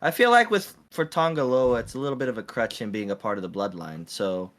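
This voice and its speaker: A man's voice: medium pitch, a little fast, a bit bright. A man co-hosting a casual podcast chat, skeptical and argumentative, often laughing. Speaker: podcast co-host.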